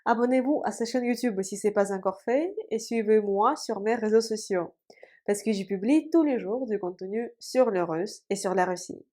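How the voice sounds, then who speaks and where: A woman language teacher giving a video lesson, explaining carefully and repeating each word slowly for practice while writing on a board. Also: medium pitch, mellow.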